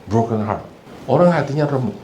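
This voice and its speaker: A man's voice: mid-range voice, lively intonation, moderate pace, roomy sound, a little hiss or hum, low-quality recording. A pastor preaching a sermon who mixes English phrases into his talk, asks his congregation for responses and acts out the people he quotes. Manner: acts out quoted people, sometimes loud and shouting. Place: church hall.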